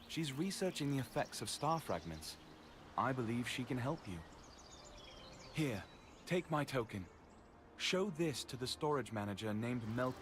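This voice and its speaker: A man voicing a grave, rock-bodied male guardian in a game, his voice sounding metallic and robotic as he gives earnest, measured advice. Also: mid-range voice, background noise. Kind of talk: game character dialogue.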